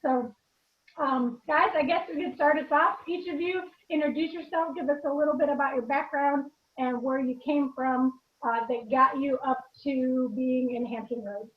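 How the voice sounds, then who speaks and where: High-pitched woman host, chatty, echoey lo-fi video call. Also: fairly even intonation, normal speed. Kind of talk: casual video call chat.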